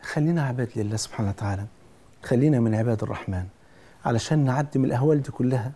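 Egyptian male preacher, rapid delivery, dark mellow tone, earnest, addresses the listener directly. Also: mid-range voice. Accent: Egyptian Arabic. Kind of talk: sermon.

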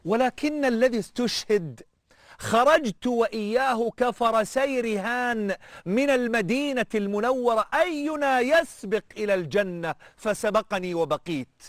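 Preacher doing a defiant devout captive, fervent, high and intense, dry sound. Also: male voice, brisk, a bit bright, no room sound. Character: steadfast male captive warrior, devout and defiant.

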